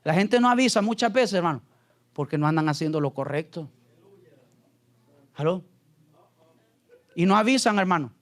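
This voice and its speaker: A man's voice: high voice, animated, moderate pace, pauses often. A male pastor leading a conversational Bible study, joking and constantly checking in with his listeners. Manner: joking, keeps asking the congregation "¿verdad?" and "¿aló?".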